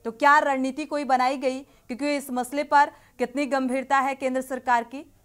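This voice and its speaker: A woman's voice: high voice, little pitch movement, moderate pace, fairly bright tone, clean tone. A woman anchoring a TV news debate, putting pointed questions to the panelists. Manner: pressing, questioning.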